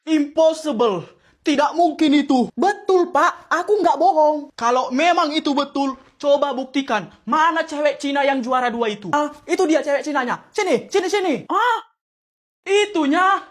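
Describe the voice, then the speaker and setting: A man performing short comedy sketches, playing every role with loud, bickering, exaggerated delivery. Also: very high-pitched, normal speed. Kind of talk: comic sketch acting, many roles.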